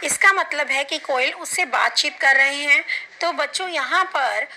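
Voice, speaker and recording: A woman's voice: high voice, unhurried, pushed and bright, a little hiss or hum, rough recording. A woman teacher patiently explaining a poem line by line to her pupils. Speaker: Hindi teacher.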